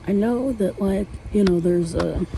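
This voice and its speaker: Slow, gravelly woman in her late forties. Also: mid-range voice, noisy background. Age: 40s. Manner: halting, rambling, many restarts and fillers. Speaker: vlogger. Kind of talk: casual rambling monologue. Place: at home, sitting on her bed.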